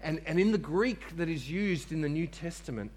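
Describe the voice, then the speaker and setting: Emphatic preacher, man, higher voice. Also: animated, moderate pace, darkish tone. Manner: emphatic, repeats key phrases, stammers on restarts; asks the congregation to respond. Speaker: pastor. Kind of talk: sermon. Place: church.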